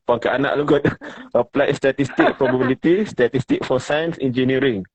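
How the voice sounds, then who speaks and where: A man in his mid-thirties hosting a live-stream interview. He talks in a relaxed, chatty way, with frequent fillers and laughs. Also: medium pitch, normal speed, poor audio. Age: 30s. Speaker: host.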